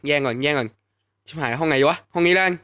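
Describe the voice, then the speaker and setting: A young man giving casual, excitable live commentary over a battle royale game, swearing freely and yelping at surprises. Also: on the high side, rapid-fire, clean tone. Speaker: gaming YouTuber. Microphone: desk mic at home, fan noise behind.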